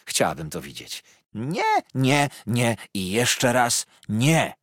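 A man's voice: medium pitch, sing-song, slow, dry recording, studio quality, pitched above the performer's own voice. A man reading aloud and voicing a loyal, fiery old woman servant with emphatic, indignant exclamations.

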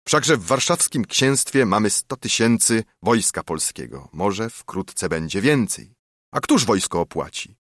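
A man's voice: on the low side, fairly bright tone, dry recording, studio quality. A man playing a sly old friar orator. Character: old Bernardine friar, sly persuasive storyteller.

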